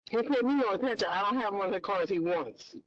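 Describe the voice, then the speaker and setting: A woman community member asking persistent questions at a public meeting, her voice coming through muffled with only the bass left. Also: animated, quick pace, no echo. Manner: persistent, presses for specifics. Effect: muffled remote audio with the bass only. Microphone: remote call-in line. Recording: muffled dull remote line.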